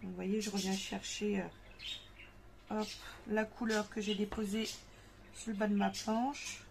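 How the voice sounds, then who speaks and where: A woman talks through her craft steps in a relaxed, rambling way, full of little fillers. Her voice sits at an ordinary pitch. The home recording carries clear background noise with birds chirping. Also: slow. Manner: chatty, thinks aloud with many fillers. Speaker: craft tutorial host. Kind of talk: casual craft demonstration. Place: home craft table with parakeets and kids nearby.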